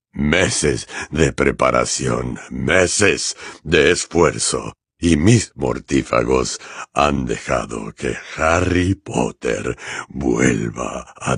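A man voicing a cold, cruel male dark lord wizard in an audiobook, talking slowly and with contempt. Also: rumbling low, vocal fry, slightly rough, no echo, clean studio sound, voice pushed down, full character voice. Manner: slow, menacing, contemptuous. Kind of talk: audiobook character voice.

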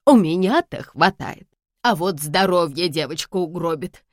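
A fussing, superstitious old housekeeper, voiced by a woman in a storybook reading. She clucks and worries emphatically. The voice sits low and is recorded dry and close. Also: expressive, unhurried, dry recording. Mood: fretting.

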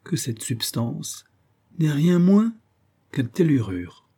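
A man's voice: mid-range voice, lively intonation, normal speed, warm tone, husky, pitched above the performer's own voice. A man voicing a cantankerous, proud old astronomer professor who lectures precisely, stressing each syllable. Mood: lecturing.

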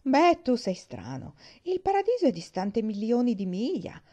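A woman's voice: a little high, huge pitch swings, moderate pace, mellow, voice pushed up. A woman doing a smug gossipy little girl. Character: know-it-all little girl, gossipy and cheerful. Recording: dull lo-fi recording.

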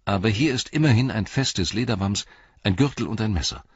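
A man's voice: fairly low pitch, animated, fairly quick, husky, dry recording, dull audio, pitched above the performer's own voice. A man reading as an earnest noblewoman. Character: noble young woman, calm and earnest.

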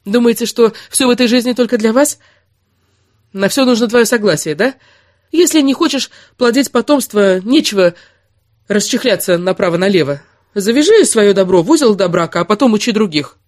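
A man raises his voice to play a sarcastic young woman with a sharp tongue and a defiant streak. She snaps loud and cutting at the listener, her pitch pushed well above the reader's own. Dry, close audiobook sound with no room around it. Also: big pitch swings, moderate pace, pauses often, no echo. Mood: furious. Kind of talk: audiobook character reading.

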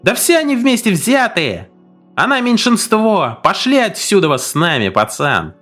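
A man voicing a rowdy gang of crude young thugs who yell coarse insults at each other. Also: high voice, big pitch swings, normal speed, faint music behind, pitched above the performer's own voice. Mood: jeering.

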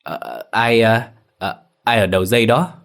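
Man playing a hoarse shaken older father. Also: lowish voice, steady tone, normal speed, a bit bright, natural voice. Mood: alarmed. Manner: hoarse, trembling.

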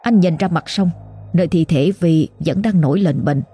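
A woman giving measured, dramatic scripted narration of a ghost story. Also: fairly low pitch, dark tone, slightly rough, soft background music.

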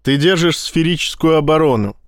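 A man doing a calm, teasing fleet admiral. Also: on the high side, fairly quick, no echo, studio quality, voice pushed up, natural voice. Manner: calm, lightly mocking.

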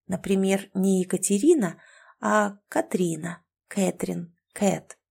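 A woman's voice: medium pitch, fairly even intonation, slow, gravelly, a little mellow, slightly rough, full character voice. A woman reading the lines of a touchy young man trapped in a kitten's body in an audiobook, close to her own voice. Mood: grumpy. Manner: grumpy, condescending.

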